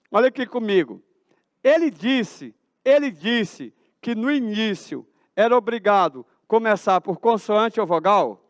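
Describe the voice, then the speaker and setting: A man with a Brazilian accent leads a math lesson in a school auditorium, asking a question and then supplying the answer. His voice sits high and his delivery is slow. The sound is close and dry. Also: no echo. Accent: Brazilian Portuguese. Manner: asks the class questions and answers them himself. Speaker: teacher.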